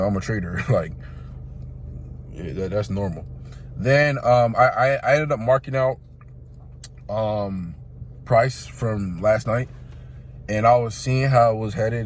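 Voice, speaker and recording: A man's voice: lowish voice, a little hiss or hum. Young man vlogging casually from a car. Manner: slangy, talks to viewers as "bro" and "y'all"; rambling with many restarts. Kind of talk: casual vlog monologue. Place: car, on the road.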